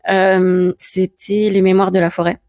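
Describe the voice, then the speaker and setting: A woman's voice: mid-range voice, little pitch movement, measured pace, darkish tone, no echo. A young woman in casual podcast chat, hesitant and giggly, often stumbling over her words.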